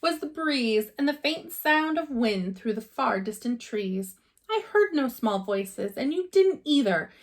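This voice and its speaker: A woman's voice: high-pitched, expressive, unhurried. A woman voicing a big, scornful, bossy kangaroo from a storybook, with a snapping, dismissive manner.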